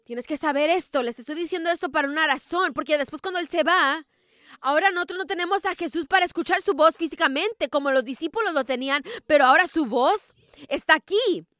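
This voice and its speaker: A woman prophetess delivers a sermon in a high, ringing voice. Her tone is bright and sharp, and the sound is close and dry. She keeps asking the congregation whether they are following and builds to forceful declarations. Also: fairly quick, no echo. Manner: emphatic, rising to forceful declarations. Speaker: prophetess preaching.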